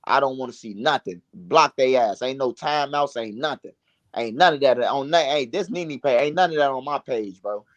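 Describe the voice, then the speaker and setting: A man's voice: mid-range voice, moderate pace, no echo, dull audio. A man hosting a livestream, chatting and telling stories casually in slangy, profanity-laced street talk. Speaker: livestream host. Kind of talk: casual livestream chat and storytelling.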